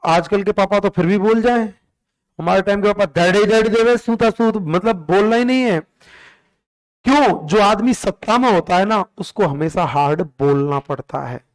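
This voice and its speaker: A man, lecturing a class in an exam-prep style. He fires short questions and has the answers repeated back in a steady drill. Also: high voice, clear, resonant tone. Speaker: teacher.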